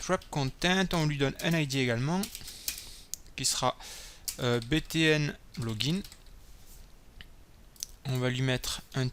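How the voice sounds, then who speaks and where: A man's voice: medium pitch, fairly bright tone, a little hiss or hum. A man hosting a screencast coding tutorial, casually thinking aloud as he types and explains each step. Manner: casual, thinking aloud while typing code.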